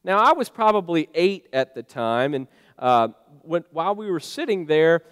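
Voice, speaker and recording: Man preaching a casual sermon, smooth voice. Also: fairly high pitch, big pitch swings, normal speed. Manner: conversational storytelling with fillers. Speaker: pastor. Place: church sanctuary. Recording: long church reverb.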